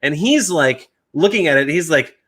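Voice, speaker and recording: A man in his thirties from the US tells stories in a casual chat. He talks animatedly and jumps high in pitch when he acts out what other people said. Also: lively intonation, moderate pace, fairly bright tone, breathy edge.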